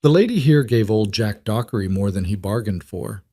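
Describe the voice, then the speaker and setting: A laconic cowboy with a low, gravelly drawl, as a man reads him in a storybook. He speaks quietly and unhurriedly, amused and steady, in a dry, close sound with no room around it. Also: moderate pace, no room sound. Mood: dryly amused. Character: laconic male cowboy in mid-thirties, calm and dryly amused.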